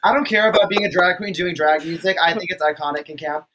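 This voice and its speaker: A man's voice: high-pitched, quick pace, very noisy. A man who is a drag queen, chatting breezily and campily as a podcast guest. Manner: breezy and campy, with restarts. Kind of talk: casual interview chat.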